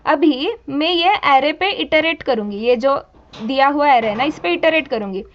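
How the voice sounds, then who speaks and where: A woman's voice: high-pitched, lively intonation, moderate pace, lo-fi sound, slight background noise. A young woman teaching a programming class, explaining step by step in a mix of Hindi and English and asking her students questions. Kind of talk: live coding lesson.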